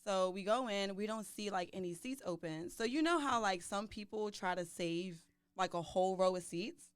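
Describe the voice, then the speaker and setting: A young woman co-hosting a casual podcast, telling a story with lots of energy and laughter. Her voice sits at a middle pitch and sounds dry and close to the mic, with no room around it. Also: moderate pace, clear, resonant tone, no echo. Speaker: podcast co-host.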